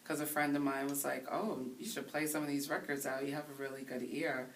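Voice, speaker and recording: Very low-voiced woman DJ, thoughtful. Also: fairly even intonation. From Haiti, raised in the Bronx. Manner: thoughtful, earnest, pausing to find words. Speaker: interview guest. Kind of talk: casual interview. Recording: voice somewhat distant from the mic, faint hiss.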